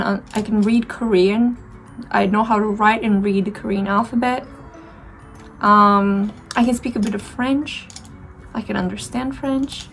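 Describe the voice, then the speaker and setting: A woman in her twenties from Romania, working as a beauty vlogger, talks casually and thoughtfully to the camera as she does her makeup, with a Romanian accent and many fillers and restarts. Her voice is medium-pitched and creaky, with a dry throat.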